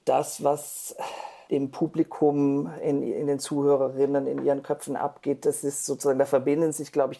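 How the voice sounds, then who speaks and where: A man's voice: mid-range voice, gravelly, mellow. A man, a performer and author, answering interview questions thoughtfully and hesitantly, often searching for words. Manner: thoughtful, hesitant, with fillers and restarts.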